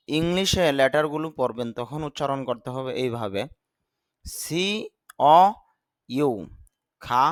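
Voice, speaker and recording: Slow, patient man teaching words. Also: medium pitch, a bit bright, no room sound. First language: Bengali. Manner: patient, spells words out sound by sound. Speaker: English vocabulary teacher. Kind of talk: slow step-by-step vocabulary lesson.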